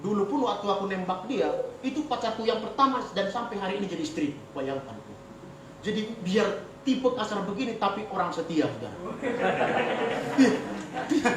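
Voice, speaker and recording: A man with a Batak Indonesian accent, preaching a sermon in a church and telling stories with animated, joking delivery. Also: high-pitched, moderate pace, distant mic. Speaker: pastor. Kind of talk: humorous sermon. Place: church hall. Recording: echoey church hall from afar, faint noise.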